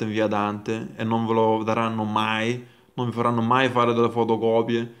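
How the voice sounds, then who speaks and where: A man with a southern Italian accent from Puglia, hosting casually and commenting on dialect words in an irreverent, amused, sweary way. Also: lowish voice. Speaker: host of an online show.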